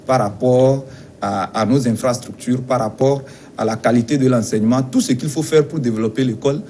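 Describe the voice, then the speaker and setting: A man from Togo who represents a teachers' union answers interview questions, measured but insistent, with some hesitations. His voice is medium-pitched and warm, over a little hiss or hum.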